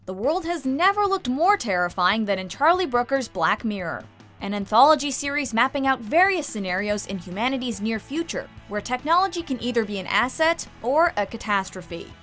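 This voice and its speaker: A woman's voice: a little high, sing-song, normal speed, fairly bright tone, soft background music. A woman reading scripted narration as the narrator of a countdown video.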